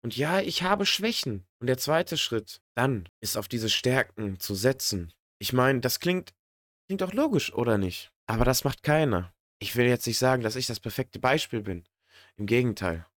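A man's voice: mid-range voice, animated, normal speed, dry recording, studio quality. A man in a motivational monologue who speaks earnestly and directly to the listener. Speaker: podcast host.

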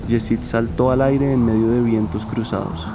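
A man narrating a documentary podcast from a script, in a measured, even way. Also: mid-range voice, over music.

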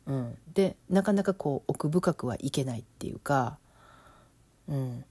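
A middle-aged woman with an Osaka lilt talks things over in a relaxed, reflective way, pausing on fillers and letting out small laughs. Her voice sits low and warm. The sound is dry and close, with no room echo. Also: slightly rough. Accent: Osaka Kansai Japanese. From Osaka, Japan. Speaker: business coach, podcast host. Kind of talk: casual monologue.

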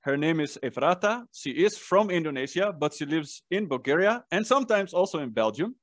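A man from the Netherlands hosting a podcast, speaking slowly and deliberately, joking easily with his guest. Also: fairly high pitch, lively intonation, dry recording. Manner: slow and deliberate when introducing, loose and joking in chat. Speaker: podcast host. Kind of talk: casual interview chat.

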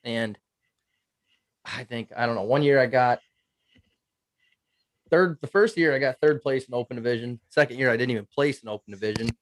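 A man's voice: medium pitch, moderate pace, long pauses, dry recording. A man in his twenties chatting casually on a video call, telling a rambling story at an easy pace. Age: 20s. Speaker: guest turkey caller. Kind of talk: casual chat.

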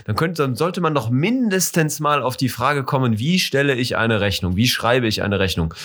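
A man's voice: medium pitch, lively intonation, normal speed, fairly bright tone. A man co-hosting a casual podcast, talking in a hesitant way with fillers and restarts. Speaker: podcast co-host.

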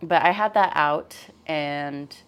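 A woman in her twenties, a musician, talking openly and warmly as a podcast guest and laughing often. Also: sits low, takes it slowly, smooth. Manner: friendly, open and chatty, laughs often. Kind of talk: casual interview chat.

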